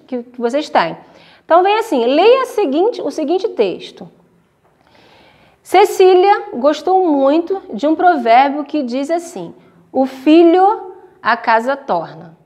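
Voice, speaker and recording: A woman with a Brazilian accent teaches a remote class of young children. Her voice sits high, and she keeps tagging her sentences with quick checks. She softens her words into diminutives and stretches out the example words she dictates. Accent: Brazilian Portuguese. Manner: speaks to children in affectionate diminutives; frequent checks of tá and né. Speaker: primary school teacher. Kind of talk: recorded remote class lesson.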